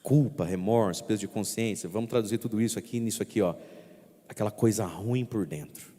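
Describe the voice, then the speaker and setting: A man's voice: fairly low pitch, brisk, mellow, long reverb tail. A man preaching a sermon as a priest, speaking straight to his listeners and coaxing them along, with a theatrical way of acting things out. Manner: theatrical, acting out inner voices and gestures.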